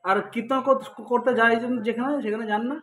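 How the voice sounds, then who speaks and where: A woman's voice: fairly high pitch, steady tone, fast, a bit bright. A woman chatting casually, repeating questions and answers aloud. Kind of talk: casual chat. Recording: echoey, noisy handheld video.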